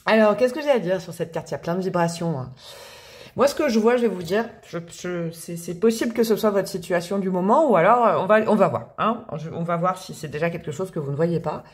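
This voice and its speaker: A woman's voice: on the low side, lively intonation, a little fast. Chatty tarot reader, woman. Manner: chatty, hesitant, repeats words, laughs and hums song lines. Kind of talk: casual tarot reading to camera.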